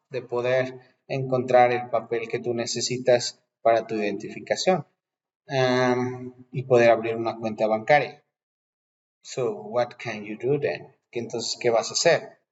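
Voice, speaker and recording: A man teaches English grammar in a patient, explanatory way, mixing with English example sentences. His voice sits at a middle pitch, and the recording sounds slightly dull and lo-fi. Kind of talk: bilingual grammar lesson.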